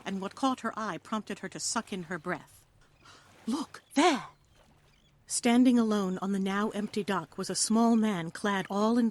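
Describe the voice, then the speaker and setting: Reading from a script, a woman narrates an adventure story at a middle pitch. Her delivery is expressive and theatrical, well suited to an audio play.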